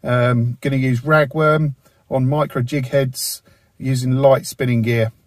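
A man, casually presenting a fishing vlog in a relaxed way with plenty of fillers. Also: medium pitch, measured pace, no echo, studio quality. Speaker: fishing vlogger. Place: inside a parked car, then outdoors on seaside rocks.

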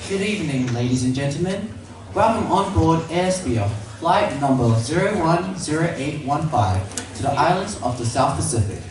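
A man's voice: on the high side, lively intonation, normal speed. Man giving a mock cabin announcement in an echoey hall. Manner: formal, scripted announcement reading. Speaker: mock flight attendant at a student event. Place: large hall at a live event. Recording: echoey hall PA, far off, noisy.

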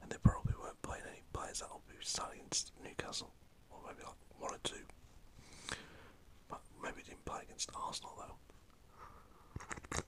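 A man from the north of England, with an accent to match, whispers at a moderate pace and pauses often. His football talk for an ASMR channel is rambling and chatty, with mild swearing, captured by a camera in front of him.

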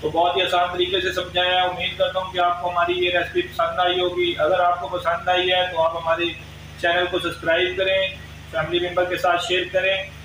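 A man's voice: high voice, completely flat delivery, fairly quick, pushed and bright, slight background noise, rough recording. A man hosts a cooking channel and explains a recipe step by step. He speaks to his viewers as friends. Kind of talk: cooking tutorial. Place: home kitchen.

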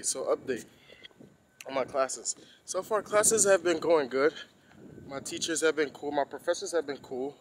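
A man's voice: mid-range voice, rough recording. A young man, a college student, talking casually into his phone while walking outdoors on campus. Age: young adult. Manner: relaxed, loose and conversational.

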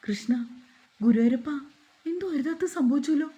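A woman's voice: high voice, lively intonation, fairly quick, warm tone, pitched above the performer's own voice. Woman voicing a tearful pious grandmother. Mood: tearful, pleading. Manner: wailing, praying, pleading.

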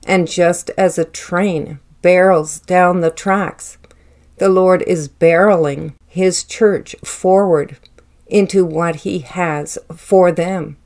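A woman delivering a prophetic word in a slow, measured and solemn manner, speaking in the first person as the Lord and then explaining it. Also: fairly low pitch, fairly even intonation, a little mellow.

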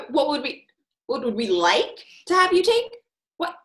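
Woman acting a high-pitched wife spluttering with outrage. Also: sing-song, measured pace, a bit bright, exaggerated voice. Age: young adult. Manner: spluttering outrage, repeating herself in disbelief. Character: indignant, affronted young wife confronting a thief. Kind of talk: stage play read over video call. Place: indoors, plain room. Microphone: video call. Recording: echoey room on video call.

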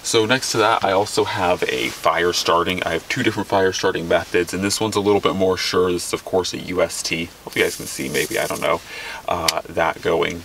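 A man's voice: low-pitched, a bit bright. A young man casually walking through his outdoor gear from the back of a vehicle, rambling and correcting himself as he goes. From Alaska. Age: young adult. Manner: rambling, self-correcting, enthusiastic about gear. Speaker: outdoors vlogger. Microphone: camera a few feet away. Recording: distant mic with clear background noise.

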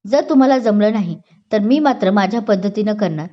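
A woman's voice: medium pitch, expressive, brisk, natural voice. A woman voicing a stern, angry police boss. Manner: scolding, impatient demands. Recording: dull lo-fi recording.

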